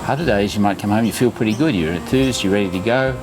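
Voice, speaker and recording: A man's voice: fairly low pitch, fast, over music, poor audio. A man in his sixties talking casually to camera as a running vlogger, chatty, instructive and reassuring as he shares tips. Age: 60s.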